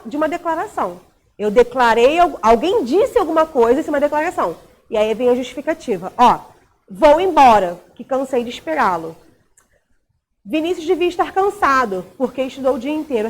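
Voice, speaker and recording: A woman teacher with a Brazilian Portuguese accent explains a recorded grammar lesson, frequently checking in with short tag questions. Her voice sits high.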